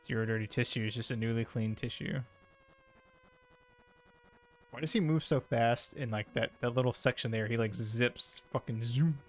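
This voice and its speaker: A man's voice: mid-range voice, steady tone, brisk. Joking young man streaming a game. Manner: crude, joking, loose. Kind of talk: casual game commentary.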